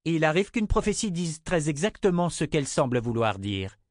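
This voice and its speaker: Guy doing a cold calm lady inquisitor from a fantasy audiobook, raised voice, dry sound. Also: on the high side, moderate pace, no room sound, voice pushed up. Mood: coldly calm. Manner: icy, unshakably composed. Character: cold, calm woman ruling as mother confessor.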